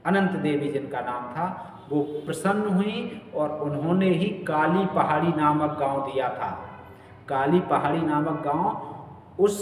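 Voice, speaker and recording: A man's voice: a little high, slight background noise. A man teaching Hindi literature for exam prep, asking questions and answering them himself. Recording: echoey room, voice far from the mic.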